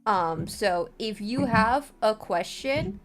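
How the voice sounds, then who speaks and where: A female streamer teaches how to make visual novels in a casual livestream tutorial, chatty and often checking in with viewers. Her voice is a little high with lively intonation, she speaks slowly, and soft music plays behind her.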